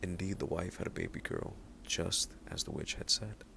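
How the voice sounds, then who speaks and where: Gravelly deep-voiced man reading a bedtime story. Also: wildly swooping pitch, moderate pace, background noise.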